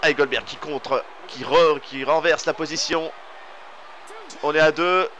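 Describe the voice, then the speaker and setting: Male game commentator with a French accent, energetic play-by-play, slightly high pitch. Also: a little slow, slight background noise. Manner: excitable, rising to shouts on big moves.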